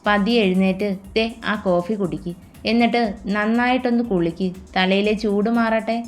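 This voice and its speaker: A woman reading the part of a doting, teasing young husband in a romance story, in a tender, coaxing way, with soft music behind. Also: mid-range voice, moderate pace, lightly acted.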